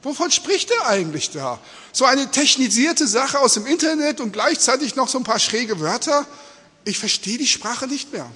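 A preacher whose native language is Spanish addresses a congregation in a large, echoing indoor hall, giving an informal, conversational sermon in simple words. Born in Australia to a Peruvian mother and living in Germany, he sounds animated and husky, with a very high pitch and moderate pace. He stays engaged and questioning, often adding rhetorical check-ins, and the recording is reverberant.

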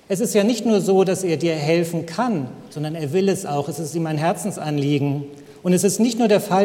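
A man preaching a sermon in an earnest, gentle, encouraging manner. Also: high-pitched. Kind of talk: sermon with storytelling. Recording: long hall reverb.

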